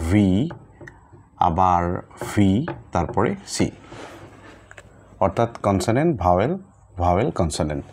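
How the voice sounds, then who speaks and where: A man teaching an English pronunciation lesson, stretching out words slowly as he demonstrates them. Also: fairly low pitch, a little mellow, a little hiss or hum. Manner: slow, drawn-out word demonstrations.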